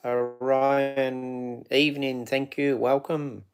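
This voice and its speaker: Male streamer, gravelly voice, loose rambling chat, greets viewers by name. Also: medium pitch, level tone, takes it slowly, faint music behind. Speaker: live streamer. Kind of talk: casual live stream chat.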